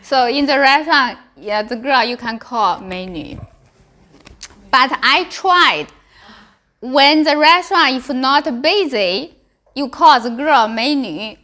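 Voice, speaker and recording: Female language teacher, Chinese accent, high-pitched and unhurried, short simple phrases, classroom delivery. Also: lively intonation, pushed and bright. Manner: simple choppy English with frequent check-ins like "okay" and "yeah". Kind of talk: classroom Chinese lesson with repeated example words.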